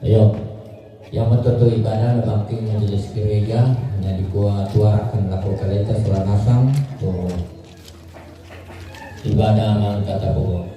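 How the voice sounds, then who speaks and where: A man's voice: fairly low pitch, flat delivery, unhurried, long pauses, warm tone. A man giving loose spoken instructions at a funeral ceremony. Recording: echoey hall from far off.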